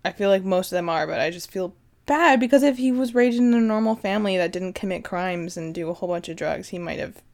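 Woman, podcast co-host, casual chat, reactive, sympathetic, medium pitch. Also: fast, few pauses, darkish tone. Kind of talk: casual true-crime chat.

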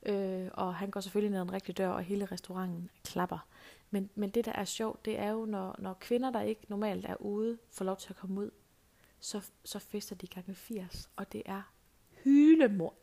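A woman's voice: medium pitch, steady tone, gravelly, warm tone. A middle-aged woman hosting a talk show, telling a casual anecdote in a chatty way with lots of fillers. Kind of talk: casual storytelling monologue.

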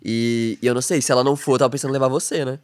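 A man talking as a podcast guest in a relaxed, casual way, full of fillers. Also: mid-range voice, rapid-fire. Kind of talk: casual conversation.

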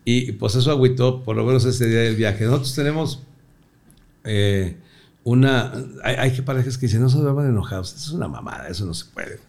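Profane Mexican comedian telling stories. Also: male voice, medium pitch, expressive, a little fast, gravelly, a little mellow. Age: middle-aged. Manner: profane, joking, laughs through his own stories. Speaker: comedian guest. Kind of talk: casual storytelling interview.

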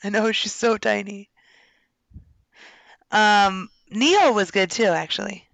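Young female co-host, wry, laughs a lot, mid pitch, dry mic. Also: slow pace, creaky, a bit bright, no room sound, low-quality recording. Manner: wry, teasing, laughs often. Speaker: podcast co-host. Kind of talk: casual chat.

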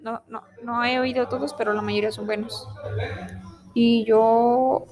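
Slow, halting young woman. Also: on the high side, level tone. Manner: slow, halting, trying out German and English words aloud. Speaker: vlogger. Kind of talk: casual self-talk while studying languages.

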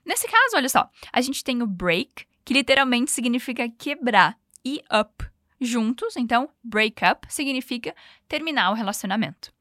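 Brief: higher-voiced woman, podcast English teacher, patient drill pacing, dry close sound. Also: big pitch swings, sharp tone, no room sound. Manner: patient, coaching, slows down for model phrases. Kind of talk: podcast language lesson.

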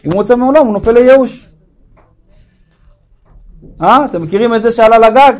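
A man, a rabbi, giving a sermon in an animated storytelling way, firing rhetorical questions at his listeners. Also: very high-pitched.

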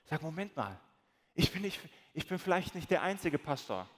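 Animated pastor in a big reverberant hall. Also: male voice, a little high, moderate pace. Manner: storytelling, animated, acts out quoted voices. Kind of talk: sermon. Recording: long reverb of a large hall.

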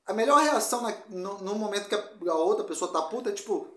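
A woman's voice: mid-range voice, animated, quick pace, reverberant. A woman co-hosting a casual podcast chat, speaking frankly and swearing freely. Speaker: podcast co-host.

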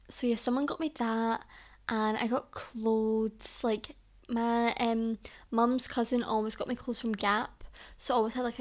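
A Scottish woman in her twenties chats on her own podcast, her voice sitting a touch high. She rambles freely and fills her talk with "like" and "um". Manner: chatty, rambling, heavy use of "like" and "um". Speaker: podcast host. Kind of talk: casual solo podcast chat.

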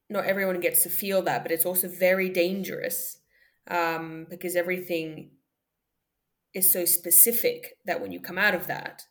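Low-voiced woman reflecting in conversation. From Australia. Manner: thoughtful, frequent ums and restarts, light laughter. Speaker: podcast guest, former sprinter.

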